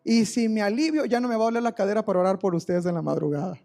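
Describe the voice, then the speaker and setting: Un hombre haciendo de abuelita devota y decidida. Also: male voice, high voice, racing, creaky, mellow, faint music behind. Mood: resolute. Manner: earnest, raised, pleading delivery. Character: devout elderly grandmother, calm and resolute.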